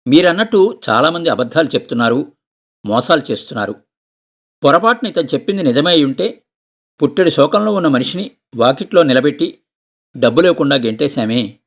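Tearful kind wife in a story, gravelly soft pleading, a man putting her on. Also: a little high, expressive, brisk, long pauses. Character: gentle, tearful middle-aged wife, soft-hearted.

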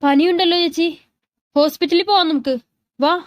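A sweet, innocent young woman who talks earnestly and worries over the people she cares about, voiced by a woman reading a story. Her voice is high, and the sound is dry. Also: fairly quick, darkish tone, dry recording, lightly acted. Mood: worried.

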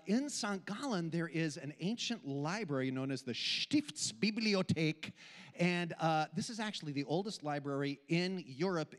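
Speaking into a handheld microphone on the stage of an indoor hall with an audience, an older camp speaker from Switzerland delivers a funny sermon in a fairly high-pitched voice. A native Swiss German speaker, he tells lively, self-deprecating stories, and the hall adds a long reverb.

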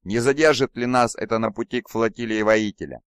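A terrified male warrior commander, as a male audiobook reader voices him pleads in a strained, high and loud voice. He gasps between words, desperate and cowering. The sound is dry and close. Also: a little fast, smooth, dry recording, natural voice. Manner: panicked, pleading, gasping.

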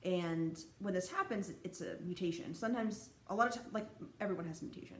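A woman's voice: lowish voice, fast. A young woman giving a casual, rambling college lecture over slides, full of fillers and restarts. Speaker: college anthropology instructor. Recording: echoey room, faint background noise.

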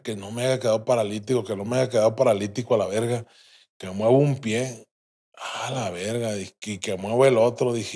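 A young adult man with a Mexican accent, a podcast guest telling a crude, vivid story full of slang and swearing. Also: mid-range voice. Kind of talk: casual storytelling.

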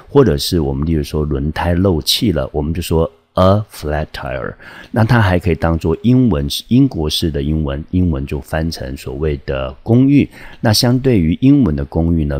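A man teaching a high school English exam lesson, patiently explaining vocabulary and repeating key points for students. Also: darkish tone, breathy edge, dry recording.

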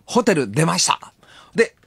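A woman's voice: fairly low pitch, very animated, normal speed, vocal fry, husky, no echo, studio quality. A woman radio host telling a story casually, acting out the quotes and laughing often.

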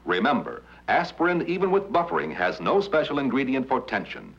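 A husky man delivers a scripted vintage commercial with lively intonation. His phrases are deliberate and punchy, and the old recording sounds muffled. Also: medium pitch. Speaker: commercial announcer. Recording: dull old television commercial audio.

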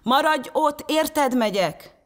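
A woman voicing a protective older boy who shouts urgent orders to his little brother, in a storybook reading. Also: sits high, expressive, pitched above the performer's own voice.

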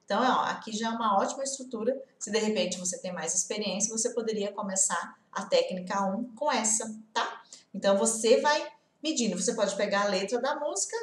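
A young Brazilian woman teaches English in a relaxed online lesson, speaking with a Portuguese accent from the interior of São Paulo state. She is chatty and patient, and keeps checking that the viewer is following. Her voice sits at a middle pitch and rings a little in an echoey room. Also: fairly quick.

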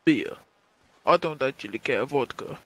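A man's voice: mid-range voice, lively intonation, normal speed, fairly bright tone. A man roleplaying a blunt, stubborn Russian man in the Old West, with a Russian accent, over voice chat. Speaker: roleplay player.

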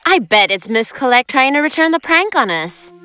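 A woman's voice: sits high, very animated, normal speed, bright, forceful tone, clear, resonant tone, full character voice. Grumpy, suspicious teen girl. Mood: accusing. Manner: sure of herself, complaining. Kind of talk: cartoon dub.

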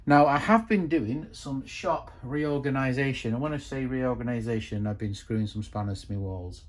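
A man's voice: mid-range voice, normal speed. A man casually narrating a show-and-tell of old tools in his workshop, rambling with frequent ums and asides. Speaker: tool collector vlogger. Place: workshop, hands over a wooden bench.

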